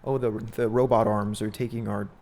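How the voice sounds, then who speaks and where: A young man co-hosting a podcast in casual chat, easygoing and agreeable, quick to laugh. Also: on the low side, level tone, creaky, a little mellow. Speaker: podcast co-host.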